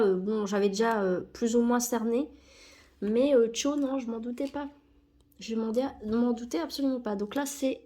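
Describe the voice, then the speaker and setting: A young woman with a cold opens sticker packs for her YouTube channel, pressing stickers into an album while she chats. Her warm, slightly high voice is casual and peppered with fillers and self-corrections.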